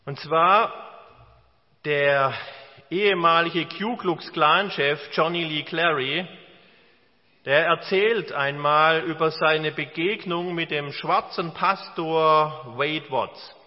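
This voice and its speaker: A man preaching a sermon as pastor, slow and deliberate with emphatic pauses. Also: fairly high pitch. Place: church. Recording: dull, reverberant church hall recording.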